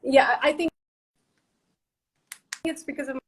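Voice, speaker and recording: A woman with a fairly high voice talks over a laptop or phone video call. The choppy connection gives her speech a buffering stutter, and she keeps restarting her words as the sound drops out. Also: steady tone, slight background noise. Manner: halting, repeating words as the line drops. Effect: choppy video-call audio, buffering stutter. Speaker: class participant. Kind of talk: casual chat on a video call.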